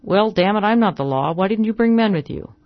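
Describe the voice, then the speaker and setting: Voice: lively intonation, a little fast, dull audio, close to an everyday voice. A reader voicing an irritable, fussy male hotel agent in a western story reading, in a raised, complaining voice. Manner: higher, louder, complaining.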